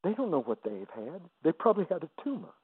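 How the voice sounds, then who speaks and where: A man in his seventies, an evangelist guest, telling emotional testimony stories on a radio interview, halting and repeating words as he goes. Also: on the high side, sing-song, slightly rough, no echo. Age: 70s. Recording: dry, phone-like radio line.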